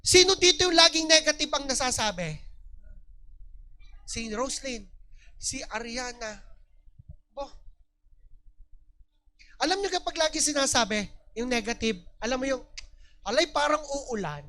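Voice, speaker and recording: A man with a Batangas Tagalog accent preaching a lively sermon as pastor, acting out quoted voices and breaking into shouts. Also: very high-pitched, unhurried, long pauses. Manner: animated, acts out quoted voices, bursts into shouts. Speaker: pastor and university professor.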